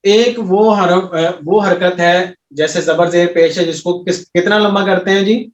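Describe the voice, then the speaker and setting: A man teaching an Arabic recitation class, patiently repeating sounds slowly and quizzing his students. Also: high-pitched. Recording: echoey room, voice from a distance, dull sound.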